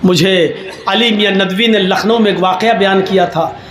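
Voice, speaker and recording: A man preaching a sermon, telling humorous stories and acting out the characters, shouting at the high points. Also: steady tone, normal speed, reverberant, a little hiss or hum. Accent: Hindustani Urdu-Hindi. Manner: acts out characters with voices, shouts at climaxes. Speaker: maulana preacher.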